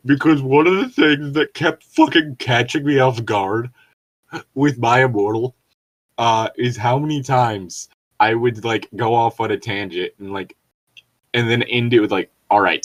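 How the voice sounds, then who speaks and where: A woman's voice: very deep voice, measured pace. A woman co-hosting a comedy reading podcast, joking and swearing casually, laughing and going off on tangents. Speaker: podcast co-host.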